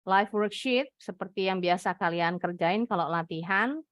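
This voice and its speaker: A woman's voice: mid-range voice, moderate pace, no room sound, studio quality. A woman English teacher with an Indonesian accent, patiently explaining and praising students during an online class.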